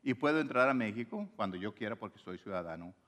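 A man's voice: lowish voice, quick pace. A man from Mexico with a Mexican Spanish accent, preaching a sermon and acting out the voices he quotes. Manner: animated, acts out quoted voices.

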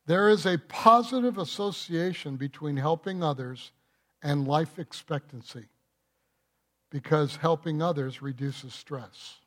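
Slow-preaching male pastor, emphatic. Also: on the high side, fairly bright tone. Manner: emphatic preaching with rhetorical questions. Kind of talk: sermon. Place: church.

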